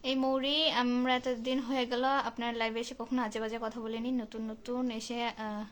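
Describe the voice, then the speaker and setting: A woman's voice: a little high, little pitch movement, normal speed. A woman from Bangladesh, hosting a live stream and chattily reading out and answering viewers' comments. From Santahar, northern Bangladesh. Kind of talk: casual live-stream chat.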